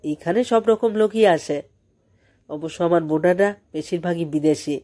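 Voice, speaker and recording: A polite middle-aged man who runs a cottage, read by a woman narrator chats courteously in an audiobook scene. The voice is low and mellow. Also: normal speed, natural voice. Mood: chatty. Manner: courteous, chatty. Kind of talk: audiobook character voice.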